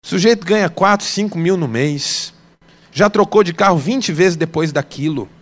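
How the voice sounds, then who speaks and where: Male Brazilian pastor, high for a man, emphatic radio sermon with big loud-soft swings. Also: normal speed. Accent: Brazilian Portuguese. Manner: emphatic, swinging between loud exclamations and soft low asides.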